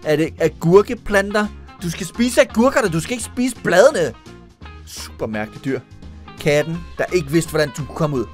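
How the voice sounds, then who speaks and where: High-voiced joking video reactor. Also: male voice, expressive, faint music behind. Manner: playful, exclaiming, jokey asides. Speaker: YouTuber reacting to animal videos. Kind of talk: comedic video reaction commentary.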